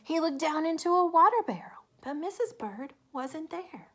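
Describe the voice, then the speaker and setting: Female picture-book reader, high voice, very lively intonation, engages young listeners. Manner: animated, deliberate, asks the listener questions. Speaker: children's story reader. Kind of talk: expressive picture-book read-aloud with asides to young listeners.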